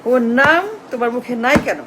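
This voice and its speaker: Speaking fairly quickly in a high voice, a woman launches into a to-camera political rant. She keeps hurling rhetorical questions, emphatic and repetitive, with an accusatory, scornful edge, over a noisy background.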